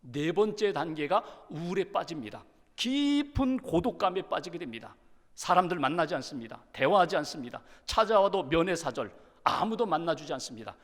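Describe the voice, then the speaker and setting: A man preaching a Sunday sermon in a large church sanctuary. His voice sits high and moves a lot, rising and falling with emphasis. A long church-hall reverb trails each phrase. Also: very animated, moderate pace. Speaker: pastor.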